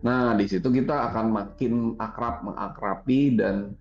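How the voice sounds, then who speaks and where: Brief: man, gravelly, relaxed teacher voice, slightly dull roomy recording. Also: lowish voice, moderate pace, soft background music. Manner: relaxed, chatty, laughs often, peppers talk with "gitu". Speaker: spiritual teacher. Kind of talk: casual conversational teaching.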